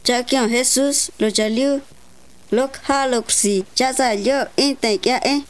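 A woman's voice: on the high side, slow pace. A woman giving a religious talk and prayer in repetitive, chant-like phrases.

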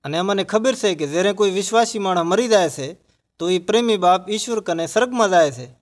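A man's voice: high voice, animated, fast. A man in a scripted religious dialogue, earnestly explaining his faith to a grieving villager.

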